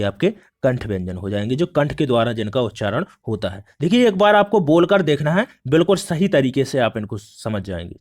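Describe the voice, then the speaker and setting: A male teacher explaining exam questions step by step, often repeating "look" as he walks through each answer. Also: on the high side. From India. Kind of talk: exam prep lesson.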